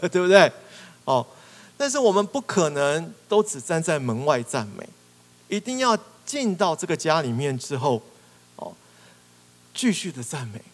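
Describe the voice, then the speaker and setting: A man's voice: fairly high pitch, big pitch swings, a little slow, pauses often. A male pastor preaching a sermon, animatedly acting out prayers and cries with rising emphasis. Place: church hall. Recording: reverberant church hall.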